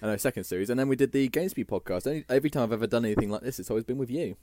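A man's voice: mid-range voice, warm tone, a little hiss or hum. A man with a Southern English accent, a podcast guest chatting casually and joking around. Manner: chatty, jokey, quick to laugh. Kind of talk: casual chat.

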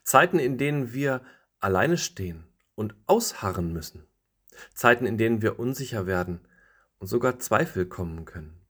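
A man, a pastor, giving a scripted devotional reading and telling a story with an expressive delivery. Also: lowish voice, moderate pace, husky.

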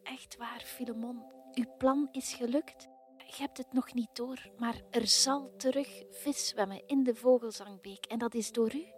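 A woman's voice: a little high, fairly even intonation, a little slow, darkish tone, faint music behind, lightly acted. A woman voicing a departed, loving female kingfisher in whispered role-play, tender and consoling.

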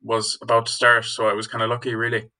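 Bright, even-toned young west of Ireland man. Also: mid-range voice, fast talker. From Galway, Ireland. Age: young adult. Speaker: student guest. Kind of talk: interview answers.

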